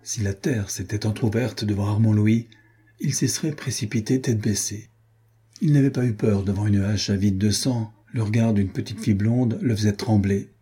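Husky dark-voiced male narrator. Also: on the low side. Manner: measured, storytelling. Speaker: audiobook narrator. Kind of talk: scripted narration.

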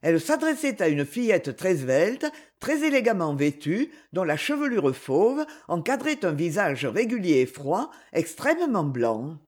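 A woman reads a classic novel aloud in an expressive narrating voice. Her tone is somewhat husky, and her pitch moves in a lively way through the sentences. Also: measured pace. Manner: expressive reading. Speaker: audiobook narrator.

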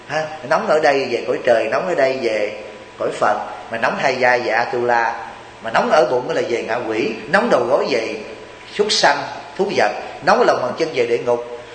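A man's voice: medium pitch, roomy sound, long reverb tail, slight background noise, poor audio. A Buddhist monk from Vietnam gives a chatty, joking sermon, teasing his listeners and asking them rhetorical questions.

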